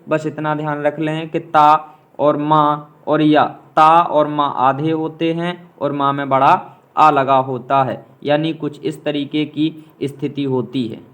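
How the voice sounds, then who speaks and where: A man teaches exam spelling, his voice fairly high and held to a narrow, even pitch. He works through questions steadily and repeats each point as a quick question he answers himself. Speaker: exam-prep Hindi teacher. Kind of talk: classroom-style explanation of quiz answers.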